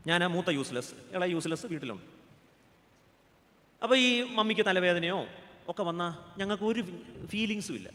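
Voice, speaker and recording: A man's voice: high-pitched, animated, moderate pace, long pauses, fairly bright tone, big-room sound. A man, a pastor with a Keralan accent, giving a humorous sermon, joking and asking the audience questions. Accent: Keralan Malayalam.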